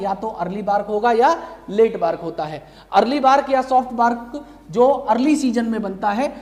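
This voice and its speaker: A man's voice: very high-pitched, darkish tone. A man teaching biology in a lecture over slides. He keeps asking the class questions and answering them himself, and he calls his students "beta". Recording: long reverb, hall-like.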